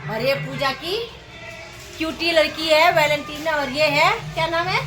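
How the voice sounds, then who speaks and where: A woman's voice: high-pitched, normal speed, over music. A woman vlogging casually on a handheld phone, chatty and laughing often as she visits old friends. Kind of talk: casual vlog narration. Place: walking around a neighbourhood, indoors and out.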